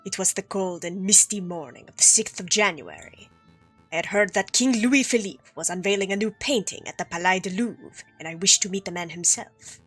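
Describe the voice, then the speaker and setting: Courtly young prince with a put-on Spanish accent, read by a woman, bright and crisp, faint game music under. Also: medium pitch, moderate pace. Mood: storytelling. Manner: formal, flowery, gracious. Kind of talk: reading game dialogue aloud.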